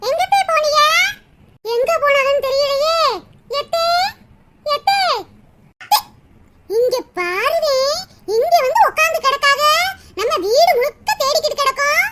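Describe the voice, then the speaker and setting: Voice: extremely high pitch, expressive, unhurried, long pauses, exaggerated voice. A performer voicing a chatty young village daughter-in-law with a southern Tamil accent, fussing and calling out around the house. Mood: searching, calling. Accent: southern Tamil, Tirunelveli. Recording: loud background noise.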